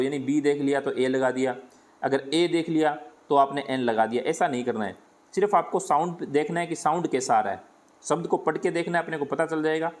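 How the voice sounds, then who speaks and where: Teacher voice: man with a Hindi accent, slightly high-pitched, patient step-by-step grammar explanation. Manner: explains step by step, asks and answers his own questions. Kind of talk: grammar lesson.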